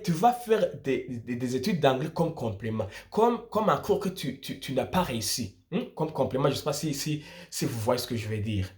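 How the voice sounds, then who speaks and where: This Burundian student vlogger speaks in a higher, darkish voice as he offers study-abroad advice. He explains informally to viewers with emphasis, saying things over and rephrasing them.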